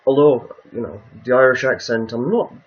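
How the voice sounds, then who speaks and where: A man's voice: mid-range voice, moderate pace, lo-fi sound. A man chatting casually on a livestream, hesitant and rambling, with many ums and restarts.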